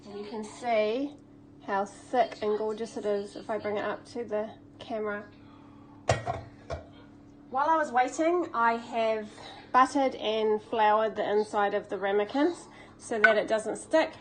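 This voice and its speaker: A woman's voice: mid-range voice, measured pace, noisy background. A woman, hosting a baking channel and talking through a recipe step by step in a chatty, upbeat way in her home kitchen. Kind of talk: casual cooking demonstration.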